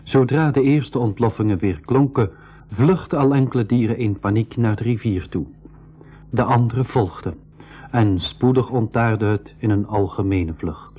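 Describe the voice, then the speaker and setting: A slightly rough, mid-range male voice belongs to an actor narrating a Dutch-language school radio play from the 1980s. He plays an excitable young brother recounting his own adventure, and the old radio recording sounds dull.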